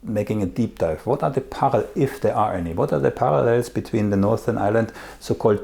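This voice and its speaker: A man hosting an interview, asking measured questions and working from his notes. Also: fairly low pitch, vocal fry, dark tone. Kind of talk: conversational interview.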